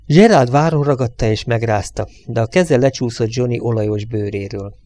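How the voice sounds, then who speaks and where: A man reading an audiobook in a calm, measured narrating voice. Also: medium pitch.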